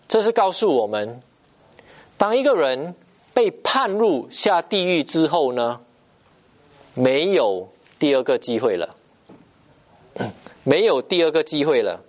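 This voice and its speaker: Animated Mandarin-speaking male preacher. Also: a little high. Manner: animated, emphatic preaching with repetitions and pauses. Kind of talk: sermon.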